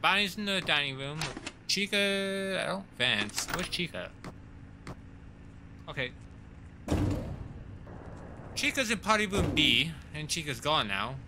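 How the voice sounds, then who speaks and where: Excitable man narrating a horror game. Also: on the high side, takes it slowly, long pauses, background noise. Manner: excitable, swears when startled, talks to the game characters. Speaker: let's play host. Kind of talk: horror gameplay commentary.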